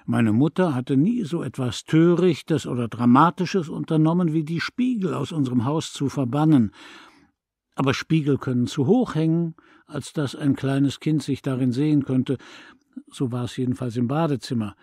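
A man reading an audiobook in a calm, measured, reflective way, with a somewhat high voice. The recording is dry and close, with no room sound. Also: slightly rough, no room sound. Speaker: audiobook reader. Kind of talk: scripted narration.

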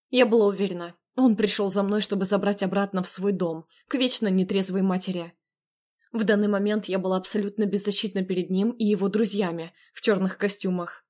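A woman's voice: mid-range voice, a little mellow. Woman narrating an audiobook. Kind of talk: first-person audiobook narration.

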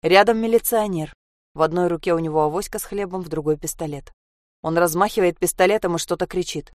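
Expressive woman reading a story. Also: on the low side, fast, no room sound, clean studio sound. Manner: expressive, voices characters. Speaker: narrator.

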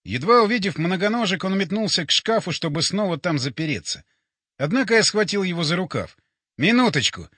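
A man narrating a first-person sci-fi audiobook with expressive, animated storytelling, recorded on a close studio mic. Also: high-pitched, a little fast, breathy edge, dry recording.

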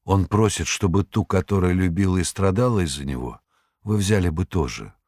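Man voicing a low sullen disciple. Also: brisk, a little mellow, dry recording, studio quality. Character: stern devoted male disciple, grim and resentful. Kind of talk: audiobook character voice.

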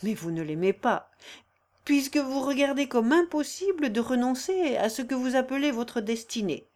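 A woman's voice: sits high, animated, normal speed, a little mellow. A woman reading the part of an aging nobleman who speaks earnestly and imploringly in a storybook. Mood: grieved. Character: aging noble count, grave and pleading.

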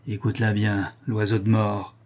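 A man's voice: on the low side, monotone, normal speed, darkish tone, natural voice. A man voicing a vengeful, blind old convict in an audiobook, gloating with menace.

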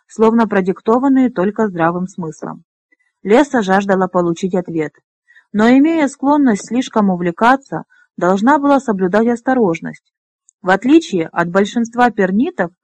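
A woman narrating a fantasy novel in a measured, even storytelling manner. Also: medium pitch, dry recording. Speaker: audiobook narrator. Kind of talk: audiobook reading of a fantasy novel.

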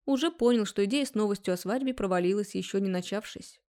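A young woman narrating a first-person story, brisk and wry. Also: medium pitch, mellow.

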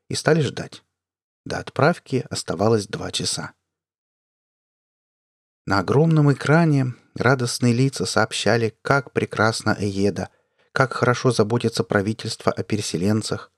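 A man reading a science fiction story aloud as an audiobook narrator, in an even, measured way. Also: lowish voice, dry recording, clean studio sound. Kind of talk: scripted narration.

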